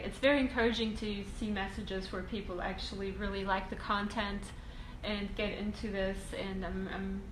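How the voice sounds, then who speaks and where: A woman from Russia, a real estate investing educator, answering viewer questions in a casual Q&A video, halting with frequent ums and restarts. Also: medium pitch, fairly bright tone. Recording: echoey room, faint ambient hiss.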